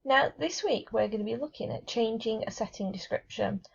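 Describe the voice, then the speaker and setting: A woman teaching a remote lesson to young children, clear and encouraging, reading descriptions aloud with expression. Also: on the high side, normal speed, muffled recording. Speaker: primary school teacher.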